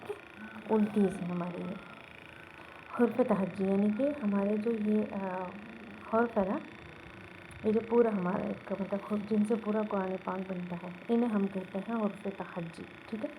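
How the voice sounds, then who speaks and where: A woman's voice: mid-range voice, steady tone, warm tone, slight background noise, poor audio. A woman teaching a beginner Quran reading lesson, speaking patiently and checking often that learners follow. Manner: patient, asks learners to repeat, checks with "theek hai?".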